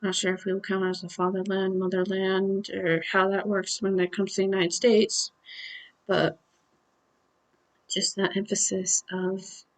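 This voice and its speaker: A woman thinks aloud through a music reaction, earnest and a little apologetic. Her voice has a gravelly fry running through it. She speaks slowly, in a fairly flat, even tone. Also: medium pitch, rough recording. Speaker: reaction video host. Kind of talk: casual music reaction commentary.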